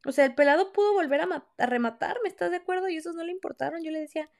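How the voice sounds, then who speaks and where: A woman's voice: very high voice, racing, a little mellow. A young woman with a Mexican accent hosting a podcast, telling a personal story in candid, slangy, profane casual chat. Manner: candid, slangy and profane, acts out quoted lines. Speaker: podcast host.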